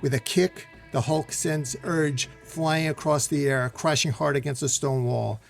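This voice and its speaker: Brief: gravelly male recap narrator, dramatic scripted read. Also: fairly high pitch, unhurried. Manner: dramatic, addresses viewers as guys. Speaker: comic recap host. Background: faint music.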